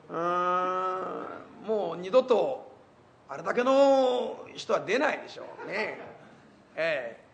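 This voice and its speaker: An older man telling stage reminiscences in rough, colloquial speech with wry asides. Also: sits high, a bit bright, highs cut off, slight background noise. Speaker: comic storyteller.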